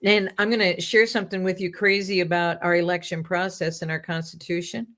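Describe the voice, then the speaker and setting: A woman's voice: lowish voice, flat delivery, brisk, a bit bright. A woman guest in casual talk-show conversation, telling rambling stories with jokes and asides.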